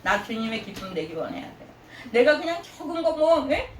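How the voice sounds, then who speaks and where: A woman pastor preaching a sermon, animated, often asking the congregation questions and acting out God's praise in a high voice. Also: normal speed, a little hiss or hum. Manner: asks the congregation questions, prompting with "예?". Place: church sanctuary. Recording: echoey church room, voice from a distant mic.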